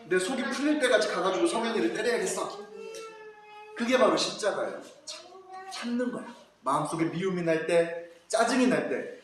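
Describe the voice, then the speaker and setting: A male pastor giving a children's sermon, animated, asking the children questions and acting out voices. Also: sits high. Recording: echoey hall, far from mic, faint noise.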